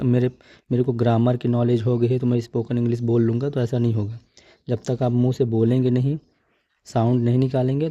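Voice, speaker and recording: A male English teacher giving a spoken lesson, slowly repeating phrases for practice in an encouraging tone. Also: mid-range voice, warm tone, no echo, dull audio. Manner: encouraging, coaxing tone.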